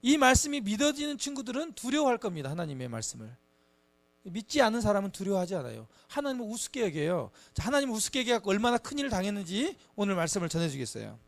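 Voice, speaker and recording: Animated high-voiced man teaching children. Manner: animated, acts out children's taunts; asks the children frequent questions. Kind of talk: Bible lesson for children. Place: church.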